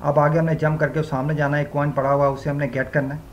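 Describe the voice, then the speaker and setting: A man's voice: a little high, flat delivery, fast talker, dull audio. Man giving a step-by-step game walkthrough. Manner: repetitive filler phrases, explains step by step. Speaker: gaming channel host. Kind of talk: gameplay walkthrough commentary.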